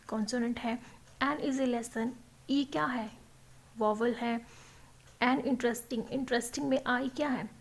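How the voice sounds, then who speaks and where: A woman's voice: high-pitched, slight background noise. A woman teaching English grammar, explaining in a classroom style and asking and answering her own questions.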